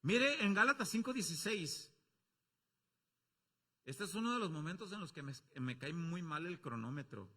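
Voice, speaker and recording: A man with a Mexican accent preaching a sermon as pastor, swinging from loud calls to low asides and acting out quoted voices. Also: lively intonation, moderate pace, long pauses, slightly rough. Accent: Mexican Spanish. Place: church.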